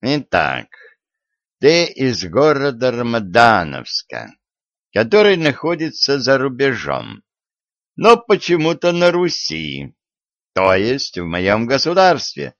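A man's voice: mid-range voice, big pitch swings, slow, vocal fry, a bit bright, no room sound, lo-fi sound, pitched above the performer's own voice, exaggerated voice. A man voicing a proud, commanding tsar who talks in archaic folksy phrases in an audiobook. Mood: interrogating. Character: proud, blustering old-fashioned tsar.

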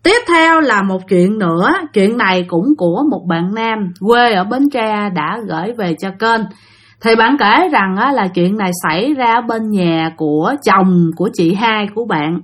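A woman's voice: mid-range voice, expressive, measured pace. A woman with a Southern Vietnamese accent, narrating listener-sent ghost stories in a chatty style that addresses her audience directly. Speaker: storyteller host. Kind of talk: casual spoken ghost-story narration.

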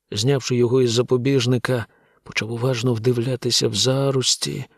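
A man reading an audiobook aloud in a measured, grave storytelling manner. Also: medium pitch, gravelly, slightly rough, no room sound, clean studio sound. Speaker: audiobook narrator. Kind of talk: scripted audiobook narration.

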